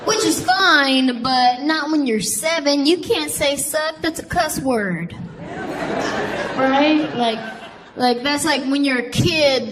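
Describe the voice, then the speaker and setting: Lively woman doing stand-up. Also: sits high. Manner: animated storytelling with shouted kid voices. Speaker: stand-up comedian. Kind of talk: stand-up comedy set. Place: comedy stage before a laughing audience. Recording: live stage audio with crowd noise.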